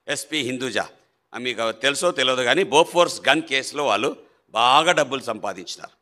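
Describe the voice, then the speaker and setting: A man in his fifties giving a personal conversion testimony in a prayer hall, emphatic, his voice swinging between loud outbursts and low asides. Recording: echoey hall.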